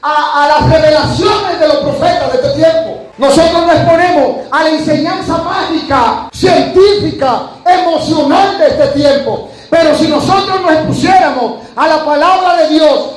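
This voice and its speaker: A male pastor preaching a sermon, rising to shouted emphasis and then dropping low. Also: moderate pace, hardly any pauses. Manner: preaching with sudden shouted emphasis and sharp drops. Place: church hall. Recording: echoey church hall, faint noise.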